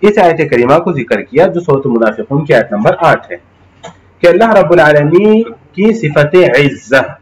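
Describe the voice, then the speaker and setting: A man's voice: a little high, animated, moderate pace, low-quality recording. A male Islamic studies teacher giving a classroom lecture, explaining Arabic terms, checking in with his students and reciting Quranic verses.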